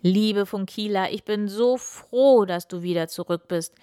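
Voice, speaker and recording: A woman's voice: medium pitch, a little slow, smooth, no room sound, clean studio sound, lightly acted. Woman reading as a kindly old Santa Claus. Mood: fatherly. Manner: gently admonishing, reassuring.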